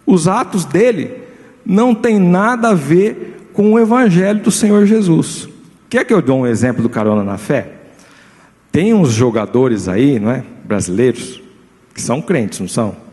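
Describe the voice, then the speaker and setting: A Brazilian man preaching a sermon as pastor, his voice sitting a little high for a man. He keeps turning to the congregation with quick rhetorical questions. The sound carries a long hall reverb from the church. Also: very animated, dark tone. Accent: Brazilian Portuguese.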